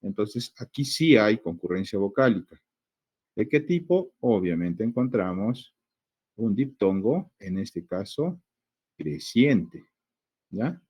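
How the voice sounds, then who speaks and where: A male teacher with a Peruvian Spanish accent explains a grammar lesson step by step. His voice sits low and dark with a husky grain. He keeps checking in with short questions and stretches words out slowly to sound them out. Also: lively intonation.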